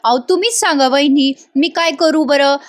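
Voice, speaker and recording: A woman voicing a chatty, sly village wife who talks in rustic country speech and flatters. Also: high-pitched, moderate pace, voice pushed up, lightly acted. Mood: gossipy.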